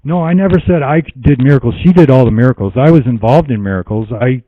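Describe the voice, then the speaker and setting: A man's voice: mid-range voice, quick pace, no echo. A man, the guest of an interview, telling a long personal story in a meandering way, laughing often and leaning on fillers. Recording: dry, dull lo-fi internet radio audio.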